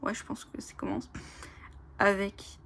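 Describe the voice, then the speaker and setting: A native Italian speaker hosts an oracle card channel, casually presenting cards and slowly reading their lines aloud. She's soft and hesitant, often whispering in awe, with many fillers.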